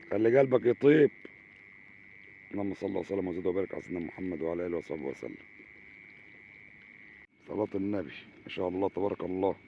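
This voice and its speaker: Egyptian man, Egyptian Arabic accent, deep and rapid, chatty outdoor vlogger on a muffled lo-fi recording. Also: gravelly, slight background noise. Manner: chatty, keeps addressing viewers with pious exclamations. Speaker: fishing vlogger. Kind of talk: casual fishing vlog commentary. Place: outdoors on a Nile riverbank.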